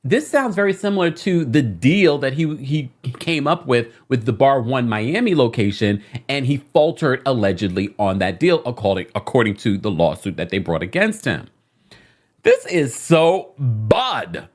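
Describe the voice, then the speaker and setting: A woman's voice: very deep voice, very animated, moderate pace, a little mellow. A woman from London reading a news article aloud on a podcast, breaking off with indignant asides. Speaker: podcast co-host.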